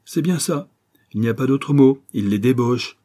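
Man playing a bullying husband, growling, menacing, hammered words, husky, mellow. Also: medium pitch, lively intonation, moderate pace, voice pushed up, close to an everyday voice. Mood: blustering. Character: harsh bullying middle-aged husband.

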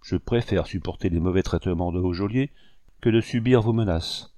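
A cold, ironic young officer , played by a man reading aloud, answers with open contempt. The tone is dark and low. It sounds dry and close to the mic. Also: normal speed, no room sound, natural voice. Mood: disdainful. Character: young disdainful male army captain. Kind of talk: audiobook character reading.

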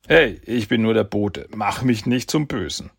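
Ein Mann spielt einen rauen jungen Boten. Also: male voice, on the low side, animated, measured pace, no room sound, clean studio sound, voice pushed up, exaggerated voice. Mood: casual. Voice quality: raspy, oddly old-sounding. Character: lean young male ninja messenger, easygoing.

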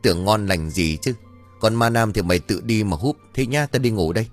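A man's voice: fairly low pitch, a little fast, soft background music, natural voice. A man voicing a grumpy, crude old village exorcist who curses and grumbles. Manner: gruff, cursing, bossy.

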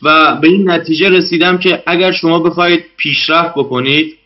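A man's voice: on the high side, steady tone, highs cut off. A man, a guest in a casual interview, talking politely about learning a language with many hesitant fillers.

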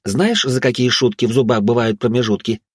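A man's voice: mid-range voice, steady tone, a little fast, slightly rough, dry recording, studio quality, close to an everyday voice. A man voicing a brash young woman fighter who teases and snaps at others. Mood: mocking. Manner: teasing, snappy. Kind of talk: audiobook character voice.

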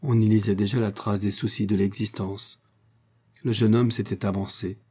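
Male audiobook narrator, measured delivery, low-pitched, dark mellow tone. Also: slightly rough. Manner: steady, measured reading. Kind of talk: scripted narration.

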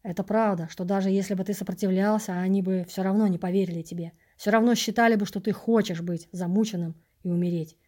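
A woman reading an audiobook, voicing a patient, wise male vagrant mentor in a measured, instructive way. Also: medium pitch, fairly even intonation, warm tone, close to an everyday voice. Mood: reflective.

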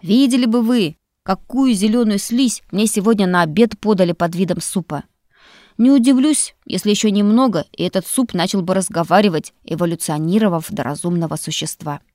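A woman voicing a cheeky young male student who whines and flatters to get fed. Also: medium pitch, a little fast, dry recording, clean studio sound, close to an everyday voice. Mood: chatty. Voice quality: wheedling, whiny when pleading. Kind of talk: audiobook character voice.

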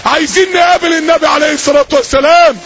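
A male preacher with an Egyptian accent, giving an impassioned sermon to a gathering, often shouting and repeating himself. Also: very high-pitched, fairly even intonation, racing. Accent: Egyptian Arabic. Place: public gathering. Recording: dull lo-fi recording with faint hiss.

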